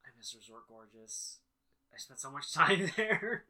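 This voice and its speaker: Eager, bright man laughing through chat. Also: a little high, sing-song, measured pace, poor audio. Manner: enthusiastic, laughs often, heavy filler "like". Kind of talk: casual chat about video games.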